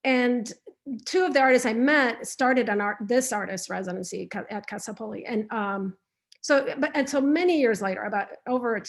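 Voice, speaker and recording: A woman's voice: a little high, moderate pace, gravelly. A woman from Patagonia in Argentina giving an online artist talk, thoughtful and prone to restarts, heard over a video call. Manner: thoughtful, with frequent restarts and fillers. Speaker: visiting artist speaker.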